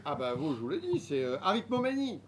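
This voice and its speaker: An actor playing a calm, well-read man who reassures the others softly, on a live stage. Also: high voice, fast talker, pitched below the performer's own voice. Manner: soft, reassuring, explanatory. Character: calm know-it-all man citing what he read.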